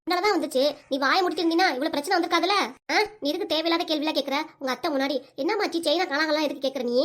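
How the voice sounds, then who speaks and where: A woman's voice: high-pitched, racing, a bit bright. A woman voicing a short-tempered young mother who nags and scolds, with a southern Tamil accent. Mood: scolding. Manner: nagging, scolding.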